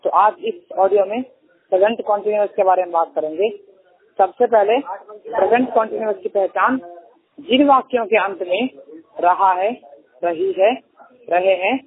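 A man's voice: sits high, moderate pace, pauses often. A man giving a spoken grammar lesson as an English teacher, explaining step by step and often checking in with "okay". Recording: tinny phone line, dry.

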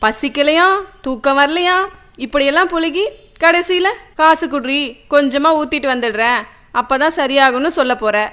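Woman playing a high sharp-voiced wife, scolding, fed up with her drinking husband, radio drama. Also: moderate pace. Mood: accusing. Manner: shrill, scolding, wailing.

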